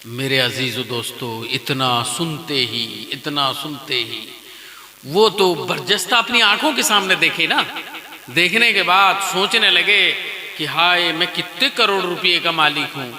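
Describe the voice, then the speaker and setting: A man preaching a storytelling sermon at a wedding gathering, animated and calling the crowd his dear friends. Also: a little high, echoey room. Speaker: Islamic preacher.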